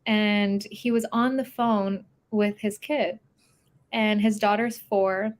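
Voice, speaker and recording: A young adult woman co-hosting a podcast, telling stories in a lively, casual way and laughing easily. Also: mid-range voice, slow. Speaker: podcast co-host. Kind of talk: casual chat.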